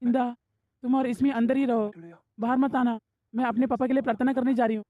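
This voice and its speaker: A woman's voice: on the high side, level tone, fast talker, phone-quality sound, close to an everyday voice. An actress dubbing a young woman who cries out in pain and pleads for help. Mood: urgent. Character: young woman in agony at a deathbed rite. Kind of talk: Hindi film dub.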